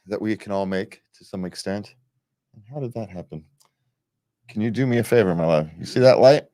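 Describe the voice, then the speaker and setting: Man, podcast host, very low voice, rambling, self-deprecating, casual, dry close sound. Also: darkish tone, no echo.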